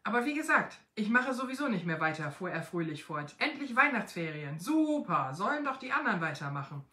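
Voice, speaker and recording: A woman voicing a relaxed, cheerful, slim Father Christmas who wants a holiday, in an echoey room. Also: lowish voice, a little fast. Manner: easygoing, cheerful.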